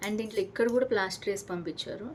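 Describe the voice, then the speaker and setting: Fast-talking chatty Telugu woman vlogger. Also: medium pitch, very noisy. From Hyderabad, India. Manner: chatty, enthusiastic, mixes English words into Telugu. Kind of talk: casual product unboxing vlog.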